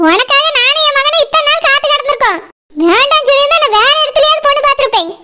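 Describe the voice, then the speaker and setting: Shrill scolding mother-in-law. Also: quick pace, bright, forceful tone, heavily acted. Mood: indignant. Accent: Kanyakumari Tamil. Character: indignant middle-aged woman, mother of the groom. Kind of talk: cartoon voice acting.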